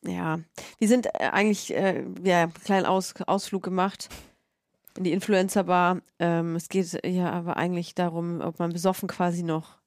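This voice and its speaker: A woman's voice: lowish voice, flat delivery, normal speed, no room sound. A woman co-hosting a podcast in casual chat, making blunt, wry asides and hesitating when she thinks aloud. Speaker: podcast co-host.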